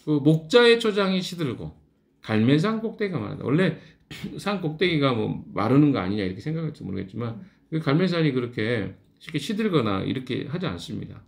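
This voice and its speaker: Leading a morning devotional Bible study, a middle-aged pastor speaks in a slightly high voice. His tone is conversational, and he poses questions only to answer them himself.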